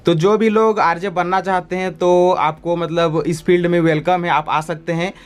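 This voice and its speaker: A man's voice: high voice, little pitch movement, moderate pace. A man hosting a casual interview who asks questions, sums up the answers and agrees with short interjections. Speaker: interviewer and channel host.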